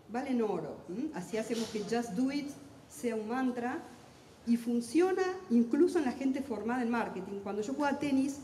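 A middle-aged Argentine woman speaks in a rather high but mellow voice, rushing through her thoughts with intensity and wry humor. She is a translator addressing a book fair audience. The sound rings around a large hall with a long, echoing tail. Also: slight background noise. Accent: Argentine Spanish. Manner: talks fast and intensely, self-deprecating humor. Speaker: literary translator on a panel. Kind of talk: lively public talk at a book fair. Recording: echoey hall with long reverb.

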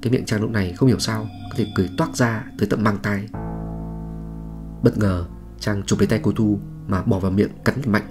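A man's voice: fairly low pitch, fairly even intonation, a little fast. A man reading a scripted horror story in a dramatic, suspenseful manner. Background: faint music.

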